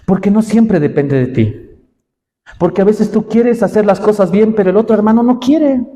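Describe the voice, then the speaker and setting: A man preaching a sermon to young people, impassioned and rising in pitch for emphasis. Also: lively intonation, moderate pace, dark tone, long reverb tail. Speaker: pastor. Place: church.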